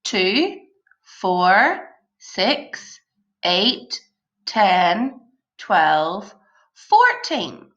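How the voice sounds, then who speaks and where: Bright, unhurried woman teaching young children, slightly muffled. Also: fairly high pitch, animated. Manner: encouraging, praising, asks questions and leaves pauses for children. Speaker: primary school maths teacher. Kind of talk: upbeat children's lesson narration, like a kids show host.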